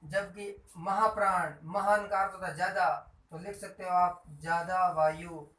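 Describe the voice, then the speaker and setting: A man's voice: sits high, steady tone, moderate pace, pushed and bright, recorded from a distance. Male grammar teacher, repeats himself, asks the class questions, roomy echo, set back from the mic. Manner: repetitive, quizzing listeners with questions. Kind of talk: classroom-style grammar lesson. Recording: echoey room, voice off-mic.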